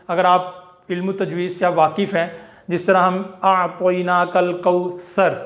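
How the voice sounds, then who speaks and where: A man with a Pakistani Urdu accent gives a pronunciation lecture in a fairly high voice. He speaks at an unhurried, measured pace. He repeats each example word several times as he explains. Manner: slow, deliberate explaining, repeats example words. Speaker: English teacher. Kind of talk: classroom lecture.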